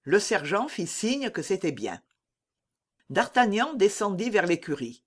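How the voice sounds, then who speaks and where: Animated audiobook narrator. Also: medium pitch, a little slow, husky. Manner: lively, animated storytelling. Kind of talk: expressive audiobook reading of a classic novel.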